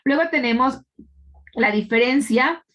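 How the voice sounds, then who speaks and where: A woman's voice: high-pitched, unhurried, fairly bright tone. A woman teacher giving a live class, explaining patiently and quizzing her students, with frequent tag questions. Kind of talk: live online class lecture.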